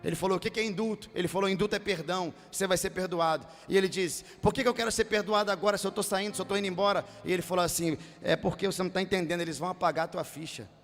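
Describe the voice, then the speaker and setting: A man with a Brazilian Portuguese accent preaching a sermon as pastor, moving from told stories to shouted, half-sung preaching. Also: high voice, fairly even intonation, racing, hardly any pauses, long reverb tail. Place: large church hall.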